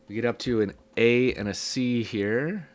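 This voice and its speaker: Unhurried and thinking aloud with frequent ums, a man gives a casual music theory lesson while sick, his voice low and rough.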